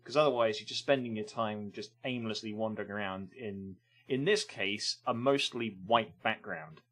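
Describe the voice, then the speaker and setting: A man's voice: on the low side, moderate pace, fairly bright tone. A man casually reviewing games on a live stream, rambling and hesitant with lots of ums.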